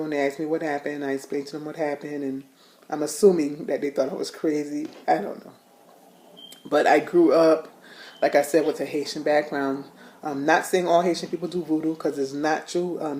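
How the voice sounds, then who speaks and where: A woman's voice: deep voice, mellow, slight background noise. A woman giving a personal testimony in a casual, rambling way, with many fillers and restarts. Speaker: ministry leader giving testimony.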